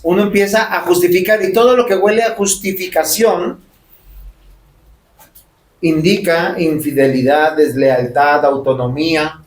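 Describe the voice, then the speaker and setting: A man's voice: a little high, unhurried. A man preaching a sermon as pastor, emphatic and full of rhetorical questions. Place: church sanctuary. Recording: roomy church echo.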